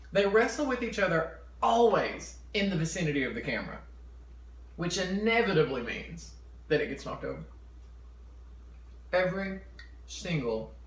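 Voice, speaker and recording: A man chatting casually to camera for an eating show, chewing while he talks in his home kitchen. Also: on the high side. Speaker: mukbang vlogger. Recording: echoey room with background noise.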